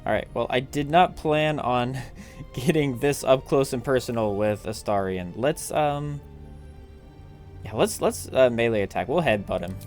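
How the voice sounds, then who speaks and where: A man's voice: mid-range voice, measured pace, darkish tone, faint music behind. A man hosting a let's play of a video game, chatty and self-mocking, laughing often as he plays. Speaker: gaming channel host.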